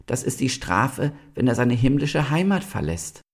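A high, plaintive fallen star from a storybook wails about its fate, as a man reading aloud puts it on. The voice swoops a lot and carries a gravelly edge. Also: sing-song, a little slow. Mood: lamenting. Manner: plaintive, wailing. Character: sorrowful fallen star, fading and lamenting.

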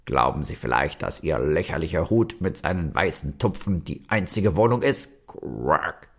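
A man voicing a cross male frog in a children's story, gruff and croaking. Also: extremely low pitch, lively intonation, moderate pace, exaggerated voice. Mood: angry.

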